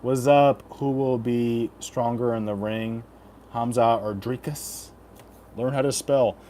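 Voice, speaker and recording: A man's voice: medium pitch, fairly even intonation, takes it slowly, mellow, a little hiss or hum. A man hosting a casual livestream, talking in crude, profane frat-bro slang as he banters with chat. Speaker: livestream host giving fight predictions.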